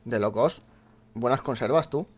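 A man's voice: medium pitch, moderate pace. A young man with a Spain Spanish accent giving casual live commentary as he plays a horror game, swearing often and speaking to his viewers. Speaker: gameplay streamer.

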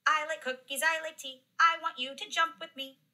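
A sassy little girl chants her rhymes in a high, singing lilt, as a woman puts her on. The storybook voice is bright and lively. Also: normal speed. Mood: sing-song. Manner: high sing-song chanting. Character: sassy, cheerful little schoolgirl.

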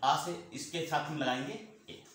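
Male teacher, fairly high lively voice, drills points by repeating them, recorded in a very echoey room with faint noise. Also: measured pace. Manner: repeats points, asks and answers own questions. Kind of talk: classroom lesson.

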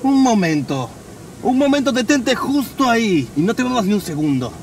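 An actor playing a smooth-talking rebel cop in a buddy-cop parody, flirty and dramatic. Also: male voice, extremely high pitch, very animated, moderate pace, slight background noise, full character voice. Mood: suspicious. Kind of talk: parody of dubbed American buddy-cop show. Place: inside a car.

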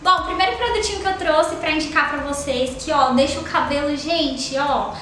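A Brazilian beauty vlogger in her twenties reviews beauty products at a moderate pace, her high-pitched voice fairly bright and her Brazilian Portuguese full of chatty, gushing fillers like "tá?" and "ó". She's in a small indoor room with a sofa, and the recording is very echoey with faint noise.

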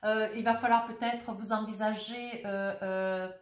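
A chatty, jovial woman reads tarot cards for her viewers while nursing a head cold. She talks casually and peppers every thought with little tags, sitting at a middling pitch. Her voice bounces around a roomy, echoey space. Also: steady tone, unhurried. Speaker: tarot reader.

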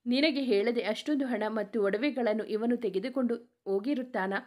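A woman's voice: a little high, normal speed, lightly acted. A woman voicing a furious older father-in-law who hurls accusing questions in a spoken story. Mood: angry. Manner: accusing, shouting-angry questions.

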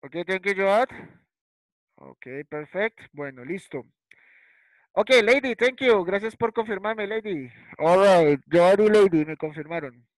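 His voice sits high with lively intonation, and he speaks slowly while teaching a first-grade English class by video call in both Spanish and English. Patient and repetitive with vocabulary, this primary school teacher finishes lines with ¿cierto? and ¿listo?. The recording is dry and rough.

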